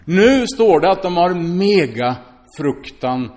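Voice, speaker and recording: A man preaching a sermon, reading scripture aloud and commenting on it in a chatty way, often asking his listeners "va?". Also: high-pitched. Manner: lively, swings from loud exclamations to hushed asides.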